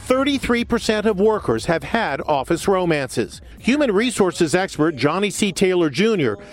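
A man's voice: sits high, very animated, normal speed. An American man narrating a scripted tabloid TV news report with the dramatic delivery of a tabloid host. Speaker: TV news correspondent. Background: background music.

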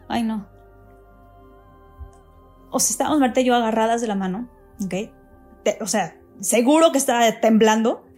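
A woman with a high, bright voice tells a frightening story in relaxed conversation, repeating words for emphasis and pressing on eagerly. Faint music sits quietly behind her voice. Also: normal speed, long pauses. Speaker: guest telling a paranormal experience. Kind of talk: casual storytelling chat.

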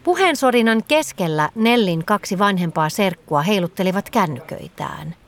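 A woman narrating a children's story in a gentle, expressive reading voice. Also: medium pitch.

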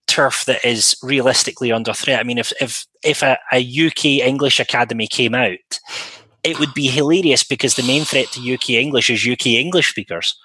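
Man, bright tone, dry close sound, thoughtful, halting, casual talk. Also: medium pitch, breathy edge, no echo, poor audio. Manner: thoughtful, hesitant, many restarts. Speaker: interpreter guest. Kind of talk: casual podcast chat.

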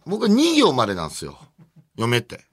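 A man's voice: mid-range voice, huge pitch swings, fairly quick, husky. A man with a Kansai accent co-hosting a comedy radio podcast in a studio, answering with sheepish, apologetic replies. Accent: Kansai Japanese. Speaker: comedy duo radio host. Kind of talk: comic banter on a radio podcast.

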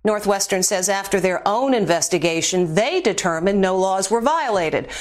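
Lady tabloid tv host reading news intros, dramatic, middle pitched voice. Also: expressive, normal speed, music in the background. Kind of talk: scripted tabloid TV news anchoring.

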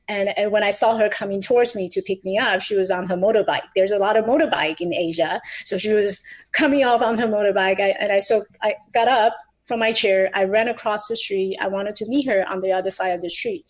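A woman's voice: mid-range voice, fairly even intonation, fairly quick, low-quality recording. A middle-aged woman from Taiwan, a podcast guest, recounting her personal story earnestly, with frequent restarts.

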